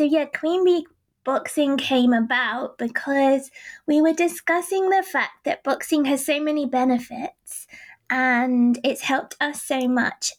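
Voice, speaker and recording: High-voiced woman in her forties. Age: 40s. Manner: earnest, reflective, laughs lightly. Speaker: boxing club co-founder. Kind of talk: conversational interview answers.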